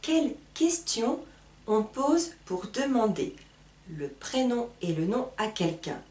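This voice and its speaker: A woman teaching beginners at a whiteboard, her voice rising and falling a lot as she stresses each word. She speaks very slowly and deliberately, spelling out sounds. The room is echoey and she is heard from some distance off the mic. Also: on the high side, big pitch swings, a little mellow. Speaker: French teacher. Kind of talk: slow beginner French lesson at a whiteboard.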